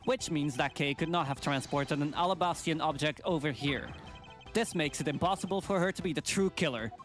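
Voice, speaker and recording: A man's voice: a little high, brisk, fairly bright tone, faint music behind, lightly acted. A man voicing a stern, formal investigator in a video game, speaking in precise, logical arguments. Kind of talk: video game voice-over read live.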